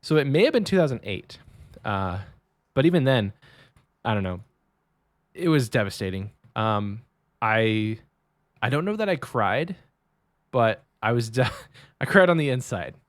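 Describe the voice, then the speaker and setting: Lively, hesitant man on a dry mic. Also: mid-range voice, unhurried, pauses often, no echo. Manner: lively, hesitant, many ums. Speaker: podcast co-host. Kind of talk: casual storytelling chat.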